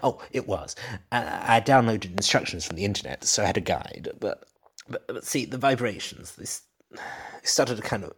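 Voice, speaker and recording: A man's voice: on the low side, expressive, a bit bright, a little hiss or hum, pitched above the performer's own voice. A man voicing a distraught husband who talks in a shaky, stammering way full of fillers. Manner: stammering, halting, with many fillers. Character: shaky, distraught middle-aged man, grief-stricken husband.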